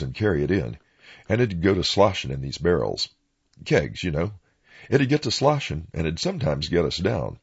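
Man, Appalachian accent, raspy and gravelly, animated pitch swings, folksy storyteller, rural dialect. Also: highs cut off. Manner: plain-spoken rural dialect. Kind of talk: folksy first-person oral-history storytelling.

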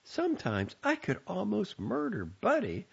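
A male reader voices a nagging, fretful middle-aged mother for an audiobook, heavily acted at a measured pace. She scolds in a husky, slightly gravelly, raised and swooping tone that leaps up high with huge pitch swings, and the recording sounds dull and lo-fi.

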